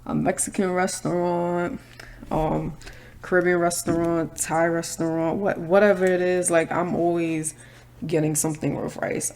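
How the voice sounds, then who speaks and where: A Brooklyn vlogger in her 20s chats casually and candidly while doing her makeup, dropping slangy asides. Her voice is on the low side, gravelly and darkish in tone.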